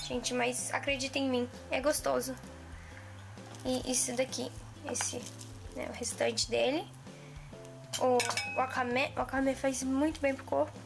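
A cooking vlogger in her twenties speaks in a high, gravelly voice from her home kitchen. She chats casually yet haltingly, often restarting sentences and leaning on fillers. The camera mic sits at arm's length, capturing background music and the clink of dishes.

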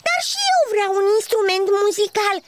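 A woman voicing a spirited little ladybug girl, squeaky and excitable. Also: noisy background. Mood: excited.

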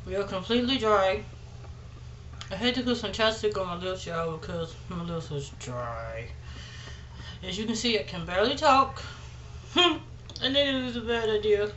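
Woman vlogger, slow and chatty, through a dried face mask, in a roomy space. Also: medium pitch, lo-fi sound, background noise. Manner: chatty, says y'all a lot, nervous giggles. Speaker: beauty vlogger. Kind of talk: casual chat to camera. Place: indoors at home.

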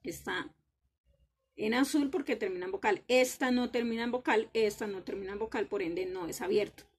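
A woman teaching a language lesson to children, praising them warmly and slowly drawing out words to show which syllable is stressed. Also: medium pitch, slightly rough.

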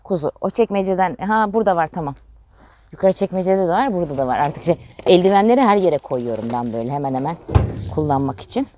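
A middle-aged Turkish woman, a vlogger mother, chats casually in a home vlog and coos lovingly to her chickens in the garden. Her voice is lowish and darkish, with lively intonation and a fast pace, and there's slight hiss or hum.

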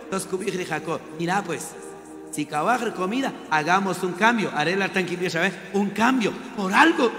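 A man preaching a sermon, lively and emphatic, calling his listeners brother. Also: high voice, moderate pace, roomy sound, long reverb tail, over music.

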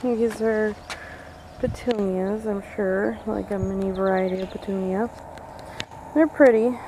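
A woman filming a relaxed garden tour outdoors at a library chats as she strolls, hedging whenever she names a plant. She speaks a bit slowly in a steady, mid-range voice, and the camera mic picks up heavy outdoor noise for a rough sound.

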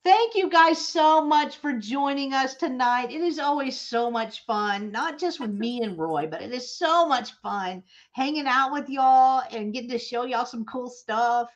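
A woman's voice: sits high, measured pace, few pauses. A woman hosting a live vintage sale stream, chatty and bubbly, laughing often as she talks to viewers. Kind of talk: casual live-stream chat.

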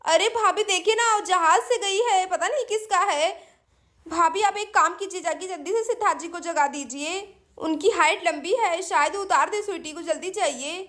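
A woman voicing a tearful little girl stuck up high. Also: moderate pace, a bit bright. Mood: urgent. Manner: whiny, pleading, tearful. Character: small frightened girl stuck in a tree.

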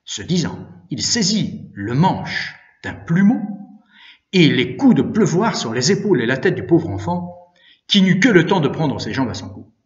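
Expressive priest reading in an echoey room. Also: male voice, fairly high pitch, moderate pace. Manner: expressive storytelling. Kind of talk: reading a religious story aloud. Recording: distant, echoey, dull room recording.

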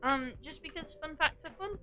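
Playful high-voiced young woman streamer. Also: moderate pace, bright, forceful tone, soft background music. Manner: playful, teasing, giggly. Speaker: livestreamer. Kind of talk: casual livestream chat.

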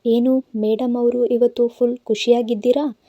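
A woman voicing an arrogant, short-tempered young male boss who shouts sarcastic threats. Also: medium pitch, normal speed, no room sound, muffled recording, lightly acted.

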